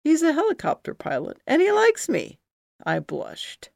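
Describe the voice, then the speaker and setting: A middle-aged woman from New Jersey reads her own memoir aloud, slow and expressive, her voice jumping high at remembered feelings. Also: vocal fry, no echo, studio quality. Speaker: memoir narrator. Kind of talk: first-person memoir reading.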